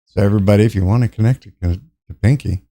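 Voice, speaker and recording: A man's voice: lowish voice, fast, warm tone. An older man chatting casually with viewers on a gaming livestream, joking and breaking into laughing fits between lines. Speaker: gaming streamer.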